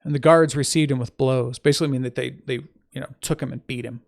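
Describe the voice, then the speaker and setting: A man's voice: medium pitch, steady tone, fast, creaky. A man reading scripture aloud. He stops to correct his own slips and adds informal asides between the verses. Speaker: Bible reader.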